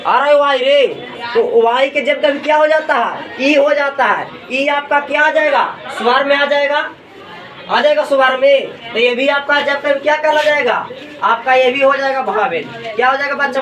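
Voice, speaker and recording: A male teacher with an extremely high, bright and forceful voice runs a classroom lesson, repeatedly posing questions and answering them himself. Students can be heard in the echoey room, and the mic is far away.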